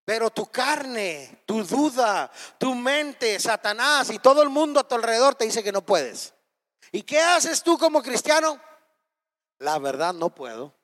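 A man's voice: very high voice, animated, measured pace, a bit bright, long reverb tail. A man preaching a sermon with impassioned, emphatic repetition and rhetorical questions.

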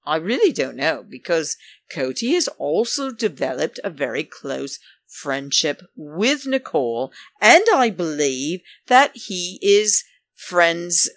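A woman's voice: sits low, no room sound. A woman chatting casually about a show, rambling and calling her listeners darlings, acting out what others said. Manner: acts out quoted speech. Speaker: reality show commentator. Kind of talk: casual chat.

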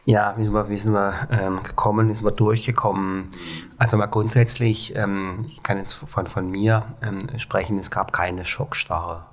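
A man's voice: fairly low pitch, flat delivery, moderate pace. A man from Baden-Baden with a Baden accent, speaking hesitantly with many fillers as a guest in an interview. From Baden-Baden, Germany. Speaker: guest, exhibition founder. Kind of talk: reflective interview talk.

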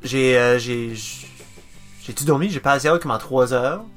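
A man's voice: medium pitch, measured pace, soft background music. A man, hosting a casual podcast chat, rambling with many restarts and English words mixed in. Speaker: podcast host.

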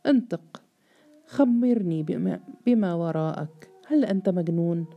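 A woman voicing a furious, contemptuous male estate overseer who shouts insults and interrogates sharply. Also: fairly low pitch, expressive, moderate pace, gravelly, muffled recording. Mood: enraged.

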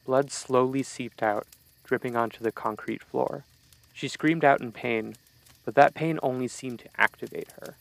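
A man reading a scripted horror story in a steady, measured storytelling way. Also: medium pitch, vocal fry, no echo, poor audio. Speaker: narrator.

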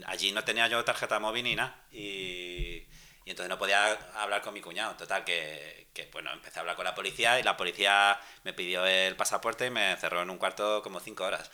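Bright-voiced man telling funny news. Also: deep voice, fairly even intonation, quick pace. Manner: storytelling, joking asides. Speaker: podcast co-host presenting news items. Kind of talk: casual group chat.

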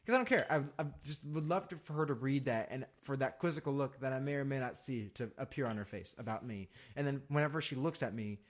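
A young adult man co-hosting a podcast tells a long story in a laid-back, profane, rambling way full of fillers. His mid-range voice moves at a quick pace with hardly any pauses.

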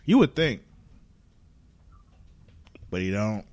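A man's voice: fairly low pitch, sing-song, slow, a little mellow, no echo. A man co-hosting a podcast, casually recapping TV episodes in loose, profane storytelling. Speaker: podcast co-host.

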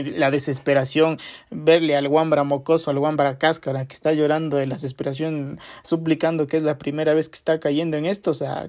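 A man's voice: fairly high pitch, darkish tone. A man telling a personal anecdote in a casual, rambling way, repeating phrases and leaning on fillers. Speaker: storyteller.

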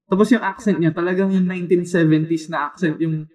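A young man from the Philippines, co-hosting a casual chat and telling stories in a lively way with many fillers. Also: high-pitched, brisk. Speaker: podcast co-host. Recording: dull lo-fi echoey sound.

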